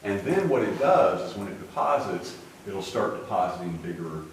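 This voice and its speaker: Cave-echoed male tour guide, lively pitch. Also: normal speed. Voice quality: voice echoing in a cave. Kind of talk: informal guided tour commentary. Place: inside a limestone cave. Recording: echoing cave, distant mic, faint noise.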